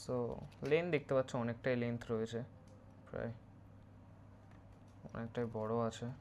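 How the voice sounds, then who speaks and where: A man presenting a motovlog product review speaks at a normal pace in a slightly mellow, mid-range voice with fairly even intonation, over slight background noise. With a West Bengal Bengali accent, he explains things casually and instructively, mixes English into Bengali, and often asks "okay?".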